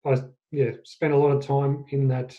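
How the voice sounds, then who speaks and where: A man in his forties from Queensland with an Australian accent, telling his story as a podcast guest in a halting, self-correcting way. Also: mid-range voice, flat delivery, warm tone. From Australia, central Queensland. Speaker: guest, fitness business owner. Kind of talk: casual interview storytelling. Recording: dull lo-fi podcast audio.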